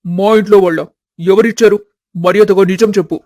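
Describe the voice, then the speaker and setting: A man voicing a questioning young husband in an animated family story. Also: high-pitched, brisk, no echo, clean studio sound, lightly acted. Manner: questioning, sharp.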